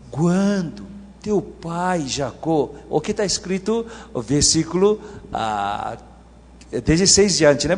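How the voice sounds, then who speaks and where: Man, preacher, sermon, questions the audience, lively pitch, long hall reverb. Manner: animated, questions the audience often. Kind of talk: sermon with congregational Bible reading.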